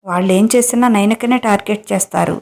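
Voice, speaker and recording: A woman's voice: medium pitch, brisk, creaky, darkish tone, natural voice. A woman voicing a worried older uncle. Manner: anxious, questioning.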